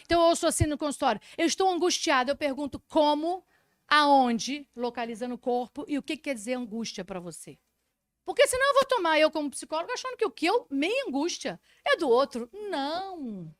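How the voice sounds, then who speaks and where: A woman psychologist giving an animated talk, explaining with rhetorical questions. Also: high voice, a little fast, no echo. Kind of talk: talk to an audience.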